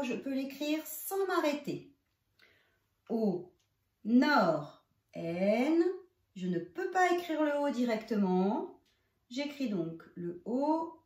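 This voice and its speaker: A woman's voice: a little high, a little mellow. A woman teaching young children to write a letter, explaining each stroke step by step and speaking directly to the child. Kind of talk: handwriting lesson for young children. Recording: roomy, echoey room.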